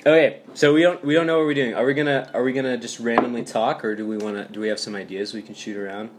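A young man hosts a casual podcast from his apartment. He rambles, restarts his sentences and laughs a lot. Steady background noise runs under the recording. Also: mid-range voice, fast. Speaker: podcast host. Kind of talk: casual chat among friends. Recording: noisy home recording.

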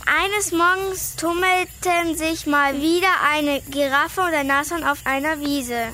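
A woman narrating a children's storybook in an expressive read-aloud manner. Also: sits high, a little slow.

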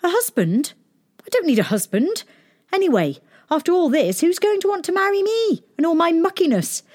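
A woman voicing a spirited, headstrong young princess who has just become queen, speaking high and emphatically. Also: very animated, moderate pace, a little mellow. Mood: defiant.

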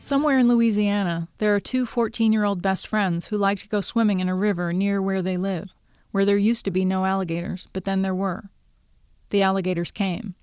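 A woman author reading her own short story aloud in a brisk, wry storytelling manner. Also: medium pitch, fairly even intonation, darkish tone, clear, resonant tone, dry recording, clean studio sound.

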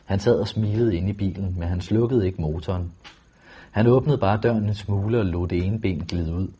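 A man with a low, husky voice reads a first-person novel aloud. His delivery is calm, measured and steady. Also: muffled recording. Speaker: audiobook narrator.

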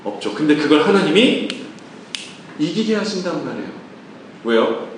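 A man preaching a lively, joking sermon and putting questions to his congregation. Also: a little high, moderate pace, a little hiss or hum. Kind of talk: lively sermon with acted-out quotes. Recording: echoey room, voice from a distance.

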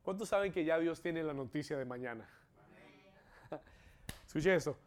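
A man with a notably high voice preaches in a church service, speaking Spanish and echoing lines in English. He moves from quiet questions to fervent, rising exclamations. His delivery is that of a pastor working a live congregation. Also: normal speed. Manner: preaching, builds to exclamations and call-outs. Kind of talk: bilingual sermon with English echoes.

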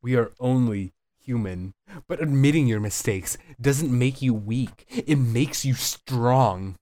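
A man's voice: medium pitch, takes it slowly, mellow. A man co-hosting a casual chat, reading self-help passages aloud with dry humor. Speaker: podcast co-host.

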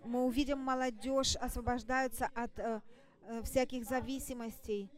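A woman delivering a church sermon in short, halting phrases, exhorting the congregation as an interpreter would. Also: fairly high pitch, fairly even intonation. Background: music.

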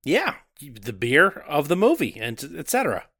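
A man's voice: fairly high pitch, wildly swooping pitch, normal speed, sharp tone, husky, no echo, clean studio sound. A man co-hosting a movie podcast in casual banter, tossing in wry, playful quips. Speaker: podcast co-host.

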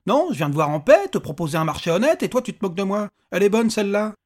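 A touchy little bearded imp rants and grumbles in a raised, husky voice, as a male narrator puts him on. He is sarcastic and quick to take offence, pushing his pitch up when riled. It is a character voice in a storybook reading. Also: animated. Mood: indignant. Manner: irritable, sarcastic, ranting. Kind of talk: audiobook character voice.

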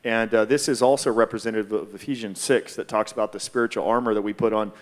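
On a church panel, a Hawaiian man shares his personal testimony with a fairly low pitch and steady tone. He speaks thoughtfully and deliberately, pausing often.

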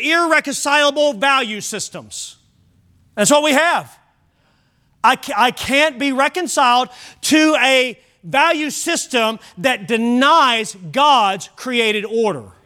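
A pastor with a notably high, sharp voice gives a Sunday sermon in church, preaching earnestly and directly. He often stumbles on a word and restarts it before pushing on.

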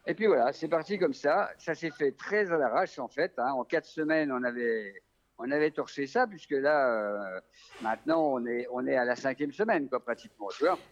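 A man from the Vosges with a Vosges French accent, a rural family doctor talking casually in an interview, relaxed and hesitant with many fillers and restarts. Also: medium pitch, moderate pace, dull audio. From Vosges, France.

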